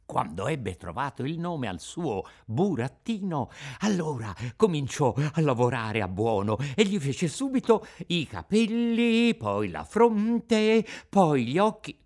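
A man reading a children's tale aloud as narrator, with expressive, rising and falling storytelling. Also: on the high side, slow, few pauses. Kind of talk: scripted narration. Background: faint music.

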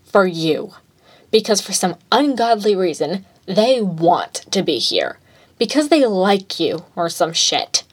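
A woman's voice: fairly low pitch, sing-song, slow, husky, exaggerated voice. A woman voicing a brash, mocking male villain in a fan fiction reading, blunt and crude. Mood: taunting. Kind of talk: fan fiction read aloud.

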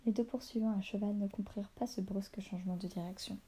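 A woman reading a novel aloud in a soft, half-whispered voice, stopping now and then to correct small slips. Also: medium pitch, steady tone, fast, husky.

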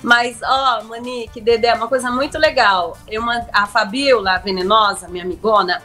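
A woman's voice: fairly high pitch, fairly even intonation, moderate pace, pushed and bright, soft background music. A young woman, a guest telling an emotional story in a chat, acting out quotes and restarting often. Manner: breathless, emotional, acts out quotes, many restarts. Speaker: guest, reality show contestant.

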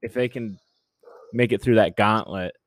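A man's voice: lowish voice, moderate pace, dry recording. A man co-hosting a casual sports chat, easygoing and loose, often restarting his sentences. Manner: easygoing, hesitant restarts, laughs along. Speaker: sports podcast co-host.

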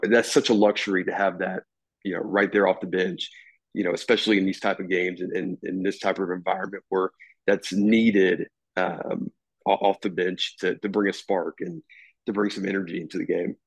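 A man's voice: low-pitched, flat delivery, no room sound. A man co-hosting a sports podcast, talking casually with lots of restarts and fillers. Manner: halting, many restarts and fillers. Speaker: podcast co-host.

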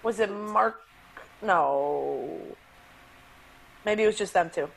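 A woman's voice: medium pitch, slow, vocal fry, low-quality recording. A woman in her twenties co-hosting a casual chat podcast, talking in a loose, filler-heavy way and laughing often. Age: 20s. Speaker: podcast co-host.

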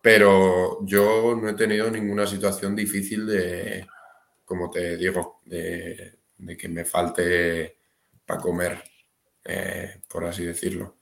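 A man's voice: low voice, little pitch movement, slow pace, gravelly. A man who plays basketball, a guest in a casual interview who hesitates, trails off and restarts his sentences. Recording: roomy echo.

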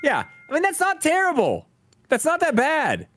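Lively high-voiced man on a podcast. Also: normal speed, over music. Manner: lively, teasing, drops to mumbles. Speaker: podcast co-host. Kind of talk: casual chat.

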